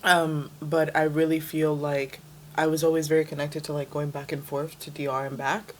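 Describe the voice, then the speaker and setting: A woman's voice: deep voice, little pitch movement, moderate pace, a little hiss or hum. A young woman from the Dominican Republic, raised in New York City, talking casually as an interview guest with lots of "like" fillers. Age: young adult. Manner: chatty, many "like" fillers.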